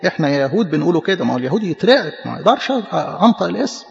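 High, fast Egyptian preacher, gravelly. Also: male voice, very animated. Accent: Egyptian Arabic. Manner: emphatic, explanatory, stammers on repeats. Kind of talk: sermon teaching. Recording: echoey hall, muffled lo-fi.

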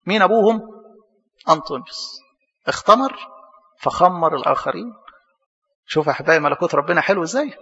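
An Egyptian priest preaching a sermon, asking questions and answering them himself. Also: male voice, high-pitched, a bit bright, breathy edge, long reverb tail, dull audio. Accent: Egyptian Arabic. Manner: storytelling preacher, asks and answers his own questions.

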